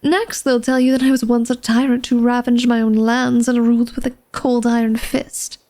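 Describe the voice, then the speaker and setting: A woman on the high side of pitch, with a warm, natural, level voice at a moderate pace, plays an elegant, secretive vampire lady of a manor in flirtatious ASMR. Her mood is teasing and dismissive, and her speech to the listener is formal, genteel, and coy.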